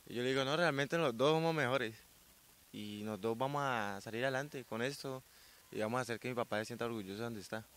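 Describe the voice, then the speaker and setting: A sixteen-year-old young man from Colombia, a weightlifter answering interview questions outdoors into a handheld mic, soft-spoken and modest. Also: mid-range voice, fast talker. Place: outdoors by a sports ground. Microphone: handheld reporter mic.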